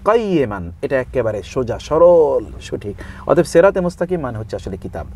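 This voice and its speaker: Fast-talking man explaining scripture. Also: medium pitch, a little hiss or hum. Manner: recites Arabic verses and mixes in English words; lists points in steady explanatory phrases. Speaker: Islamic scholar guest. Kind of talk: explanatory religious talk in an interview.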